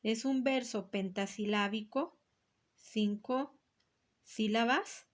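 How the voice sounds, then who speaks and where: A woman with a Mexican accent gives an unhurried lesson, going through each line of a worksheet. She speaks in a fairly high voice and stops often to count aloud and repeat key terms. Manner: slow and patient, repeating and counting syllables aloud. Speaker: teacher. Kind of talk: explaining a poetry worksheet.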